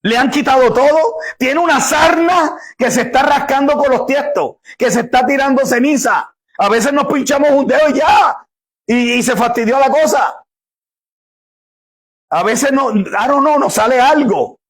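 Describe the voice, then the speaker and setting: A man's voice: very high voice, a little slow, slightly rough. A man preaching a sermon, emphatic and conversational, often restarting and repeating his words.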